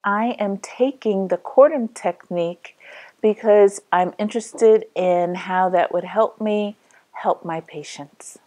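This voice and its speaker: A woman from New York, a physician, giving a deliberate, thoughtful testimonial. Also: medium pitch, warm tone.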